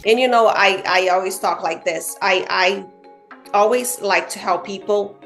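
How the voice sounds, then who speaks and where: A woman from Brazil speaks in an earnest, animated way, and her pitch jumps up to stress a point. Her voice sits in the middle range for a woman. Faint music plays behind her. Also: a little slow. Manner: earnest, animated, with frequent "you know" fillers. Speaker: guest realtor. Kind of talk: casual interview chat.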